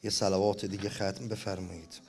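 A man's voice: deep voice, flat delivery, a little mellow, a little hiss or hum. A man preaching a mourning sermon, reading an elegy and chanting it, at times rising to impassioned cries.

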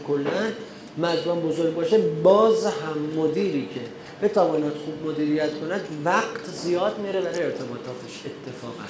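Emphatic cleric in an echoey room. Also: male voice. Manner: emphatic, rising to a preaching pitch when stressing a point. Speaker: cleric lecturing on running religious gatherings. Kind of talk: lecture with questions and answers.

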